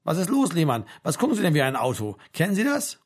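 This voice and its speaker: A gruff sergeant major barks and teases in a husky, raised voice, as a male audiobook narrator puts him on. His delivery is lively and brusque, talking down to the young soldier. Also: on the high side, quick pace, pitched above the performer's own voice, heavily acted. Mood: bossy. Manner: brusque, teasing, talks down. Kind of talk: audiobook reading.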